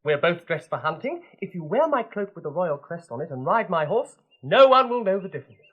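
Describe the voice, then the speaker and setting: A man's voice: high-pitched, very animated, fairly quick, phone-quality sound. A young man playing a kind, bored young prince in a storybook recording, wry, playful and well-spoken. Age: young adult.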